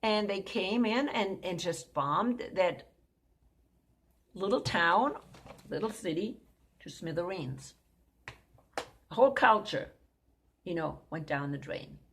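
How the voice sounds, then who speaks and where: A woman's voice: fairly low pitch, lively intonation, slow pace, long pauses, husky. A woman giving an informal Bible prophecy lesson, talking conversationally, repeating her points and checking in with "okay?". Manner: conversational, keeps asking "okay?".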